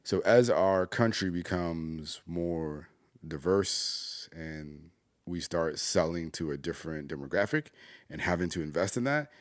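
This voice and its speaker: A man hosting a casual interview, speaking in an animated way and often repeating words as he gets a sentence going. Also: low-pitched, no echo, clean studio sound. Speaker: interview host.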